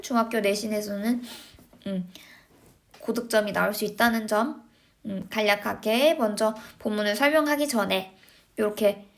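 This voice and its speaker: A woman teacher giving a recorded English lesson to middle school students, coaxing them along and checking in with tag questions after nearly every point. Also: fairly high pitch.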